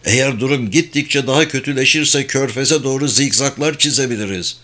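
A man voicing a tough male soldier who talks in a brisk, commanding way in an audiobook. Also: medium pitch, bright, forceful tone, lightly acted. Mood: urgent.

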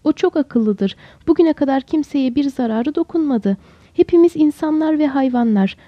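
A woman voicing a gentle young woman who speaks in a soothing, kindly way. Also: high voice, animated, moderate pace, no room sound. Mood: reassuring. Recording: dull lo-fi dry recording.

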